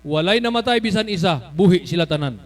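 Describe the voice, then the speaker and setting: High-voiced, animated pastor preaching. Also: male voice, fast talker, heavy background noise. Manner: animated, bursts into shouts and laughter while telling stories. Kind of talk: sermon.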